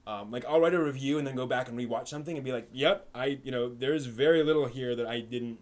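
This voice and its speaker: A man hosts a live stream, chatting casually and responding to chat questions in a rambling way full of fillers and restarts. His voice is mid-range and he talks fast.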